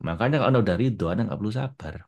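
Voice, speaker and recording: A preacher with a low voice gives a rapid-fire sermon to an audience, his pitch leaping and dipping as he swings from loud bursts to near-hushed asides. He's animated and keeps speaking straight to the people before him, calling them Bu and Pak.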